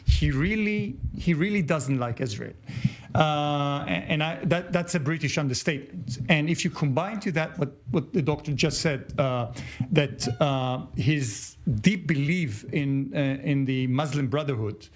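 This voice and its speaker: A man speaking as a guest on a news panel, slow and halting with many fillers. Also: fairly high pitch, slight background noise. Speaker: guest analyst.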